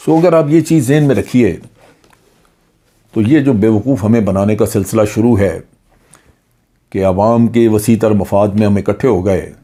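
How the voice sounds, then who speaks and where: A man's voice: fairly low pitch, pauses often, warm tone. An older man, a retired general from Pakistan, delivering an earnest political commentary monologue with rhetorical questions.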